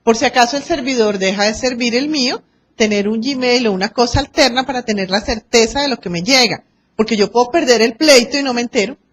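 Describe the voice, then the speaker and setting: A Colombian woman lecturing a class on arbitration, lively and acting out quoted exchanges and anecdotes. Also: fairly high pitch, a little fast.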